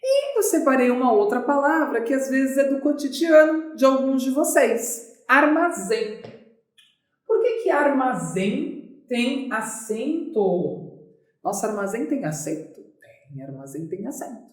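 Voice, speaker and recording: A Brazilian woman with a fairly high voice gives a chatty online grammar lesson. She takes her time, asking questions and answering them herself. Her voice bounces around an echoey room. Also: lively intonation, slow. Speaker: Portuguese teacher.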